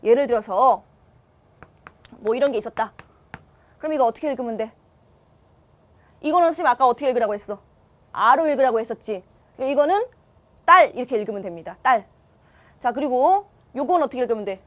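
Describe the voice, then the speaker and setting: A woman's voice: on the high side, expressive, fast talker, pauses often. A woman teaching a grammar lesson online, asking her students questions and answering them herself. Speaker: Korean language teacher.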